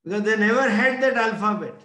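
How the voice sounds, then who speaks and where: A man with an Indian English accent teaching a scripture class, explaining slowly and often chuckling. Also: high voice, pushed and bright, reverberant. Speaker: spiritual teacher.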